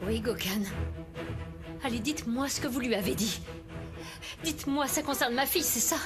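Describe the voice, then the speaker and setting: Middle-aged mother, female actor, high voice, fierce and insistent soap dubbing over strong dramatic music. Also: normal speed, lightly acted. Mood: challenging. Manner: intense, insistent, theatrical. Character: fierce, defiant mother confronting her enemies. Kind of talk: dubbed TV soap drama acting. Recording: dramatic music under studio dub.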